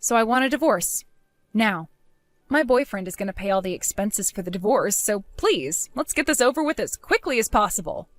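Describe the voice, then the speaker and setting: A woman's voice: medium pitch, expressive, normal speed, close to an everyday voice. A woman voicing a scheming, unfaithful young wife who coaxes and pleads to get her way. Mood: cold. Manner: pleading, coaxing.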